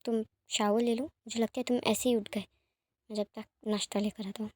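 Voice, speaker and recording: A woman voicing a calm, protective young man who speaks in a measured, soothing way. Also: fairly high pitch, no echo, studio quality, lightly acted.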